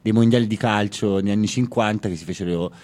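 A man co-hosts a music radio show in relaxed, chatty talk. His voice sits low, and he hesitates often, filling pauses with "eh" as he builds up a story. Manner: hesitant, many fillers, storytelling. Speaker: radio co-host. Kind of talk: casual music radio chat.

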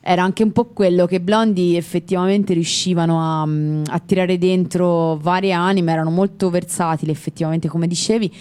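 A woman co-hosts a music radio show in loose, easygoing chat. Her voice sits low, with a dark, mellow tone. She wanders from one tangent to the next and laughs easily. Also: steady tone, moderate pace, hardly any pauses. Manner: chatty, digressive, laughs easily. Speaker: radio co-host.

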